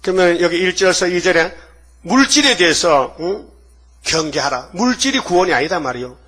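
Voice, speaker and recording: A man's voice: high-pitched, expressive, moderate pace, a bit bright. An older man preaching a sermon, colloquial and scolding, often asking his congregation questions. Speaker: pastor.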